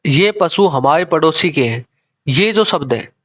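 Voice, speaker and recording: A man teaching a grammar lesson, explaining slowly and repeating himself, often restarting his phrases. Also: fairly high pitch, animated, a bit bright. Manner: slow, repetitive explaining with self-corrections. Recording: dull lo-fi recording.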